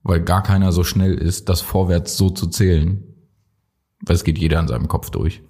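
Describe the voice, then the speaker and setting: A man co-hosting a casual pub-style podcast chat, reasoning things through in a relaxed way. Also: low voice, moderate pace, husky. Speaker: podcast co-host.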